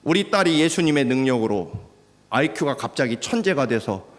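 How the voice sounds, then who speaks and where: A male pastor delivers a sermon in a church sanctuary, his voice ringing with a long hall reverb. His delivery is lively in pitch, rising to loud, stirring exhortation and then dropping to near-whispered emphasis. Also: moderate pace. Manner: dramatic swings between loud exhortation and hushed delivery.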